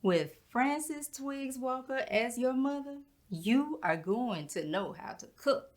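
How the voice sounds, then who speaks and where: Actress playing a proud middle-aged house cleaner. Higher voice, slow and unhurried, with folksy dignity. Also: female voice, animated. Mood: dignified. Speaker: actor performing a stage monologue. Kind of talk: theatrical monologue.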